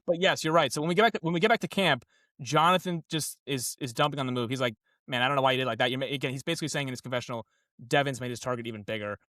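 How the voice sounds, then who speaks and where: A man co-hosting a casual reality-show recap, talking in an excitable, rambling way with frequent restarts. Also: medium pitch, very fast, dry recording, clean studio sound. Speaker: podcast co-host.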